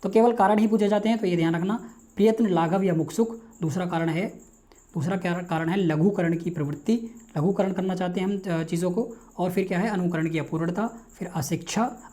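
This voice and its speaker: Fast-talking male Hindi lecturer, warm tone. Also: sits high. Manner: rapid, repetitive, quizzes himself aloud. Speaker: teacher. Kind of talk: online exam-prep lecture.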